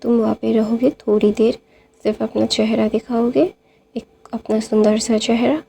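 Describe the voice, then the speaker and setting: A woman retells a fan-fiction plot in a loose, chatty way, full of small fillers. Her voice is mellow and gravelly, with a flat, level pitch. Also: moderate pace. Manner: loose, with many fillers and "then there" links. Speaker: storyteller.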